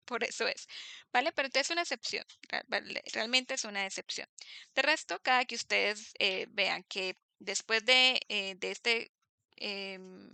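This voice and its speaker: A woman teaching English grammar in class, explaining patiently, slowing down to model example words and often checking that students follow. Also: medium pitch, creaky, sharp tone, no room sound. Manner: patient, keeps checking understanding with tag questions.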